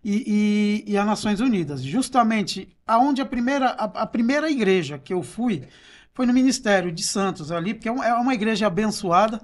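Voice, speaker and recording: A man's voice: sits high, animated, normal speed. A man from Brazil hosting a church podcast, chatting in a rambling way with many fillers and restarts. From Cubatão, Brazil. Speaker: podcast host. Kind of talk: casual church podcast chat.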